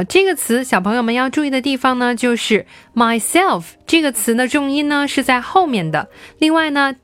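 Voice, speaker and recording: A woman leads a children's English lesson. Her voice sits fairly high and moves a lot in pitch. She stretches words out slowly so young learners can repeat them. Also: a bit bright. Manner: slow, drawn-out repetition of English words for children to follow.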